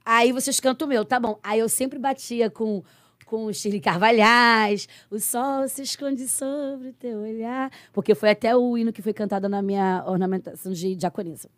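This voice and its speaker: A Brazilian woman missionary sharing her faith story in a conversational interview, acting out quoted dialogue and turning soft when confessional. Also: fairly high pitch, normal speed, no room sound. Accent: Brazilian Portuguese. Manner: expressive storyteller who acts out quoted dialogue.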